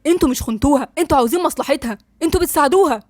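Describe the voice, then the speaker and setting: A calm young man reassures others in an Egyptian Arabic accent, read by a woman in her own voice. The delivery is very fast. The sound is close and dry. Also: high voice, no room sound. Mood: reassuring.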